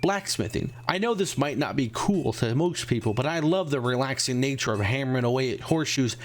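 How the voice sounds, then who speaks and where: A man's voice: mid-range voice, lively intonation, brisk. A man in his thirties narrating a scripted game video essay in a wry, opinionated, sardonic way.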